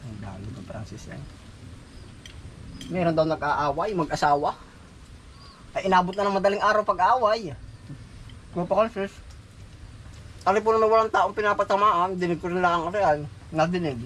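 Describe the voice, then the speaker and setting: A high-pitched man chats over a meal and spins a long, rambling story, often breaking into laughter. Faint background noise with roosters and chickens sits behind his voice. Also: normal speed, long pauses, fairly bright tone. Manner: chatty, laughs often while telling a story. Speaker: vlog host.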